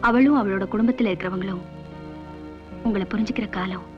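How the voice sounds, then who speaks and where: An actress playing a kind woman calmly consoling a troubled man. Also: mid-range voice, brisk, close to an everyday voice. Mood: reassuring. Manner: calm, reassuring. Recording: dull film soundtrack with faint music.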